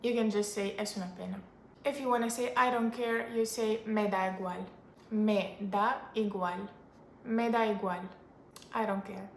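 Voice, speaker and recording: A woman teaching useful phrases in a chatty, upbeat way, repeating each phrase slowly for her learners. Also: fairly high pitch, fairly even intonation, gravelly, echoey room, a little hiss or hum. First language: not Spanish or English. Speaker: language teacher. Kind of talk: casual language lesson to camera.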